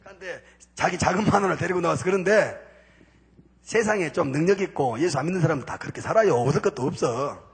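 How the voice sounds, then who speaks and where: A man's voice: fairly high pitch, expressive, fast talker, husky. A man giving a spoken testimony from a church pulpit, telling his story emphatically with punchy repeated intensifiers. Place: church sanctuary before a congregation.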